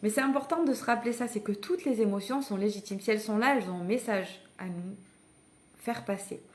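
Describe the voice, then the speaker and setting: A woman's voice: mid-range voice, brisk. A woman parenting coach giving a live masterclass, talking conversationally and encouragingly to her listeners, with frequent hesitations and restarts. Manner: addresses the listeners directly and invites them to act. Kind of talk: live online masterclass talk.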